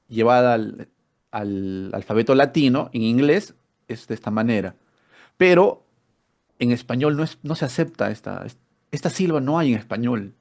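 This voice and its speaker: A man's voice: medium pitch, vocal fry. Man teaching a spelling class. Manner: explanatory, asks rhetorical questions, repeats words. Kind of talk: online spelling workshop lesson.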